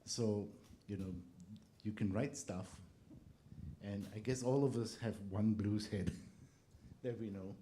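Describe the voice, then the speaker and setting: Older guy on a jazz panel, low mellow voice, faint hiss behind, chatty stories. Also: steady tone, slow pace, long pauses. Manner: storytelling, laughing often, acts out quotes. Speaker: panelist composer. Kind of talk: relaxed panel discussion.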